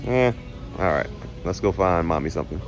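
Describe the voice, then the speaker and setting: Over soft background music and lo-fi sound, a man in his thirties with a deep, expressive voice talks briskly while vlogging a road trip. Holding his phone camera at arm's length in the car, a hotel and outdoors, he chats to his son in an easygoing way and repeats phrases.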